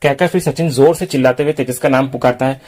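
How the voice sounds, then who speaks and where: A man's voice: mid-range voice, fairly even intonation, fast talker, a little mellow. A man recapping a TV soap episode scene by scene, quoting each character's lines in his own plain voice. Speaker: TV serial reviewer.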